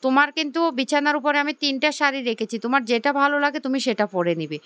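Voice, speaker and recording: A woman's voice: high-pitched, fast talker, fairly bright tone, dry recording. A woman reading the lines of an anxious, busy mother preparing her daughter's engagement.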